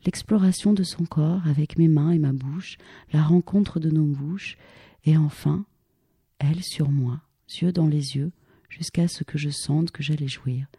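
Female audiobook narrator, calm and even; husky timbre, dry booth sound. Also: sits low, unhurried, dry recording. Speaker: audiobook reader. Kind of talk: scripted literary narration.

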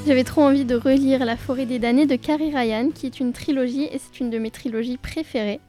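A woman's voice: high-pitched, fairly even intonation, fairly quick, over music. A young woman casually talking about books she loves, enthusiastic and chatty, with frequent hesitations. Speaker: book vlogger. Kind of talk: casual book chat.

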